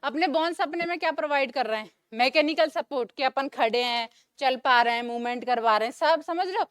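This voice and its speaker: High-pitched woman teaching a lecture. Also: fairly quick, fairly bright tone, no echo, clean studio sound. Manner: asks questions and answers them herself, repeats key terms. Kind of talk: classroom lecture. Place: classroom.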